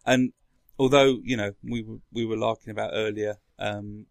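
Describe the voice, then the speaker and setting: A man's voice: fairly low pitch, steady tone, normal speed, creaky, no room sound, studio quality. A man in a casual tech chat, explaining things in a rambling way as a podcast speaker. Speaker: podcast guest or co-host explaining a console.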